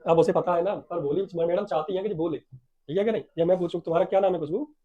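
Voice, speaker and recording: A young male teacher with a high, mellow voice. He reads English lines slowly and loudly, then explains them in quicker, softer chat, now and then acting out the characters. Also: dull audio. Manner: acts out the story's characters in small bits. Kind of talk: Hindi lesson explaining an English story.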